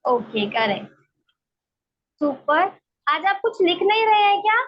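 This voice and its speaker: A woman teaching an online English grammar class, explaining slowly and step by step and often checking that students follow. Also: very high voice, sing-song, slight background noise. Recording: dull lo-fi online class audio.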